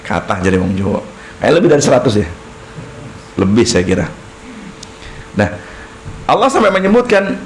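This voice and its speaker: A man's voice: a little high, reverberant, a little hiss or hum, rough recording. A male preacher giving a mosque study lecture, asking questions and answering them himself and acting out short exchanges. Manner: lively, acts out short dialogues, asks and answers himself. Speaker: Islamic preacher teaching creed. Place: mosque hall.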